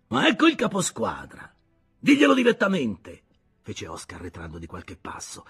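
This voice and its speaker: A man reading a literary audiobook aloud in an expressive, dramatic narration that moves between hushed and loud. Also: fairly low pitch, husky. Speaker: audiobook reader.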